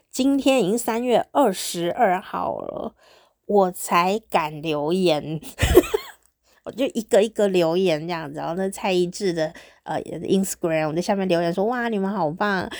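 A woman's voice: mid-range voice, darkish tone, no echo, clean studio sound. A middle-aged woman with a Taiwanese Mandarin accent, a former radio DJ hosting her podcast in a chatty, giggly, bashful way. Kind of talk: casual solo diary chat.

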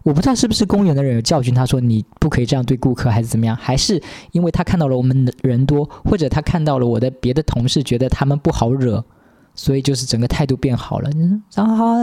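A man telling a story as a podcast host in a casual monologue, exasperated and animated as he retells it. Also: mid-range voice, fast.

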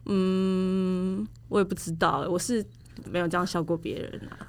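A woman with a Taiwanese accent chatting casually as a podcast co-host, explaining things and gently objecting. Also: fairly low pitch, level tone, moderate pace, a little hiss or hum. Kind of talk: casual chat.

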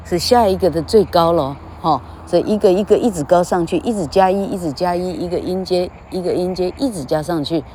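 低沉说教的台湾腔女声. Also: female voice, on the low side, a little fast, few pauses, warm tone, a little hiss or hum. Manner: lecturing, sings out drawn vowels, tags lines with "哈". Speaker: mock English teacher. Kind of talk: comedic mock lesson.

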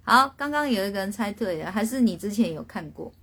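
A woman's voice: mid-range voice, animated, a little fast, fairly bright tone, slight background noise. A woman, a spirit medium hosting a casual live stream, telling a story and reading out viewers' guesses with lots of laughter.

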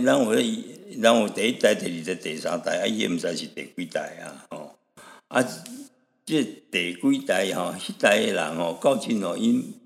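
A deep-voiced man from Taiwan hosts a radio program, his low tone carrying a gravelly fry. He rambles through his stories in a relaxed, chatty way, dotting sentences with little tag words and chuckles. The voice sits in a long, hanging reverb. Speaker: radio host. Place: radio studio.

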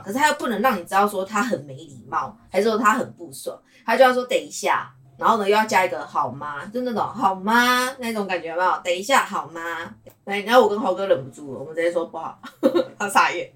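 A woman hosting a casual chat podcast with a Taiwanese Mandarin accent, talking in an animated, sassy way and mimicking people. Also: medium pitch, recorded from a distance. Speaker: host.

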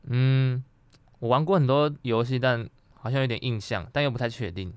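A man's voice: mid-range voice, normal speed, a little mellow, clear, resonant tone, no echo. A young adult man with a Taiwanese Mandarin accent, co-hosting a podcast in casual chat. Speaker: podcast co-host. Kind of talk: casual chat about anime and pop culture.

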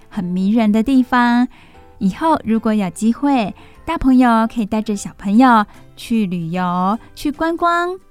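A woman hosting a children's bedtime story radio show, speaking in a gentle sing-song manner as if reading to a toddler. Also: fairly high pitch. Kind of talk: radio presenting addressed to young children.

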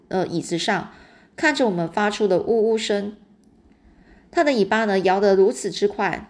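A woman narrating a story in a casual, chatty audiobook style, with fillers and asides. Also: medium pitch.

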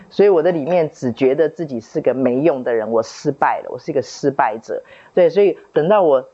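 A woman in her late fifties shares a childhood memory, earnest and reflective, circling back over her words as she recalls. Her voice sits low. The recording is a little dull and lo-fi. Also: warm tone, slightly rough. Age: 50s. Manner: earnest, reflective, repeats herself while recalling. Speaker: book club member sharing a testimony. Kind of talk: personal storytelling.

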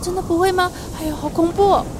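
Woman doing a scared fisherman disciple, high pleading cries, storybook telling. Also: lively intonation, slow pace, noisy background. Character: frightened adult male fisherman disciple.

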